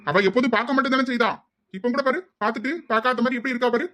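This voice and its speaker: A joking, needling young male friend from an amateur audio drama, voiced by a performer. The pitch sits at a middle level, and he prods his buddy with joking remarks. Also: very fast, fairly bright tone, lightly acted. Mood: teasing.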